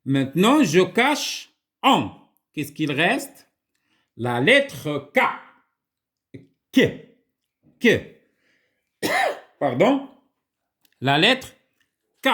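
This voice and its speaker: A man with a Moroccan accent teaching a writing lesson to young children, slowly repeating words for them to echo. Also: high voice, bright, forceful tone.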